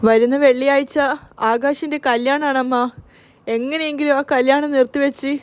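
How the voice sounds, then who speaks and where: A woman voicing a heartbroken young woman who pleads tearfully with her family, speaking slowly. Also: high voice, steady tone, no echo, natural voice. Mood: tearful pleading.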